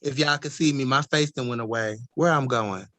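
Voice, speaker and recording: A man's voice: mid-range voice, moderate pace, pushed and bright, dry recording. A man chatting among friends in a sassy, joking way. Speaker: guest. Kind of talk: casual group chat.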